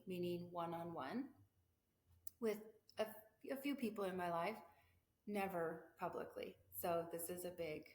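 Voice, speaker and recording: A woman hosting a solo podcast, talking candidly and reflectively with pauses, recorded in an echoey living room with a tinny sound. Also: lowish voice. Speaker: podcast host. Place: living room with a vaulted ceiling.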